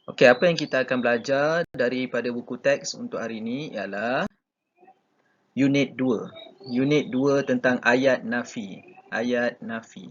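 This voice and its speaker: A man's voice: medium pitch, unhurried, lo-fi sound. A man with a Malaysian Malay accent teaching a recorded online class, patient and repeating key phrases with many short fillers. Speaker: religious school teacher.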